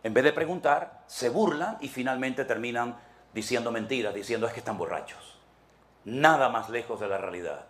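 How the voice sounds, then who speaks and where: A man with a Spanish accent, a pastor preaching a sermon in church, asking rhetorical questions and moving between emphatic and hushed delivery. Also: medium pitch, normal speed.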